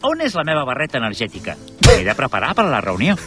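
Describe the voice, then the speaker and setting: Stressed Catalan office worker. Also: male voice, medium pitch, huge pitch swings, fast talker, fairly bright tone, faint music behind. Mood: fretful. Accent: strong Catalan. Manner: fretful.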